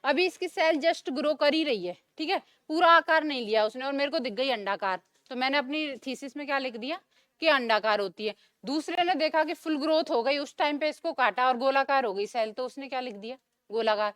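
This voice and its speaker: A woman's voice: high voice, a little fast, a bit bright, dry recording, clean studio sound. A young woman teaching a classroom lecture, asking the class questions and answering them herself, repeating the key terms.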